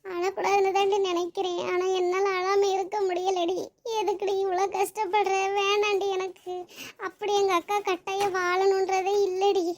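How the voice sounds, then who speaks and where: Woman doing very high-voiced cartoon girlfriends. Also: steady tone, a little mellow. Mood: tearful. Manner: quick, scolding banter with a tearful edge. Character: young adult women friends, chatty and emotional. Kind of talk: animated cartoon voice acting.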